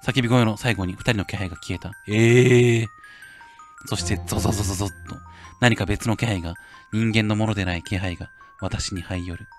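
A male game streamer playing a horror game, reading the story text softly and breaking into loud, excited outbursts between lines. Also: fairly low pitch, a little fast, soft background music. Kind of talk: horror game playthrough, reading dialogue aloud with commentary.

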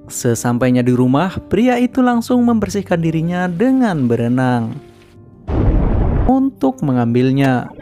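Woman doing a film recap voiceover, pitch bouncing up and down a lot, soft music under it. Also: very animated, a little slow. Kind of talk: scripted film recap narration. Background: background music.

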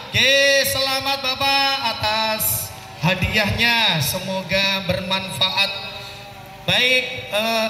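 A man with a Javanese-influenced accent hosts a live raffle loudly and playfully, rousing the crowd and calling out numbers. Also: sits high, takes it slowly. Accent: Javanese-influenced Indonesian. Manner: animated, repetitive crowd-rousing with playful banter. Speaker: master of ceremonies at a raffle. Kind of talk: loud live event hosting, calling coupon numbers to a crowd. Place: open grassy campground at night. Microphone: handheld PA mic, filmed from afar. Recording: echoing loudspeaker outdoors, music and crowd noise. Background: music and crowd chatter.

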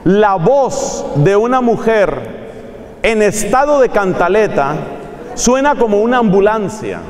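A man's voice: high-pitched, very animated, slow pace, noisy background. A man preaching a sermon in a playful, teasing manner, drawing out emphatic phrases. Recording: echoey hall with long reverb.

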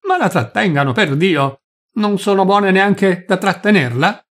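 A man's voice: mid-range voice, sing-song, normal speed, darkish tone, husky. A man voicing an authoritative, impatient doctor giving urgent orders, in a literary audiobook reading.

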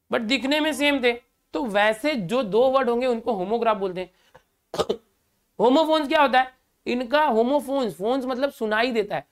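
A man's voice: extremely high pitch, clear, resonant tone. A middle-aged Indian man teaching a class, who explains each word and repeats it, then asks the students to say it back. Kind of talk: classroom lecture.

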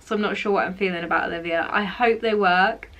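A young woman vlogger chats casually into her camera mic at a quick pace, her mid-range voice a bit bright. She's opinionated and her talk is full of fillers.

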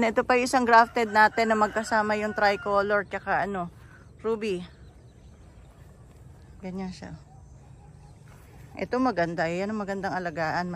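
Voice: medium pitch, a bit bright, a little hiss or hum. A chatty plant seller, walking through a garden and pointing out plants one by one. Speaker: bougainvillea seller giving a garden tour. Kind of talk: casual garden walkthrough vlog.

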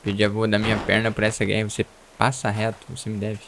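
A man with a Brazilian accent reading the lines of a hostile old male war veteran from a video game, low and slow. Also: monotone, vocal fry, background noise. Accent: Brazilian Portuguese. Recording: game music in the background.

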